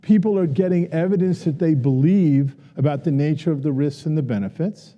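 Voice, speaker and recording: A man's voice: a little high, fairly quick, highs cut off. A man, a professor, giving an earnest lecture and answering audience questions in a university auditorium. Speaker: professor giving a symposium talk. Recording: long auditorium reverb.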